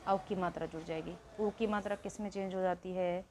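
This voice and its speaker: Lady teaching a grammar lesson, quizzes the class then answers herself, lowish voice. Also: fairly even intonation, a little fast, darkish tone, slight background noise. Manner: explains step by step, asks questions and answers them herself. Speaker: Hindi teacher.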